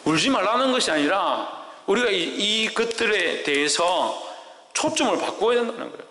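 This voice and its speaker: A man's voice: high-pitched, big pitch swings, moderate pace, pushed and bright. A male pastor preaching a sermon, asking the congregation rhetorical questions and answering them himself. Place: church sanctuary. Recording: echoey church hall with long reverb.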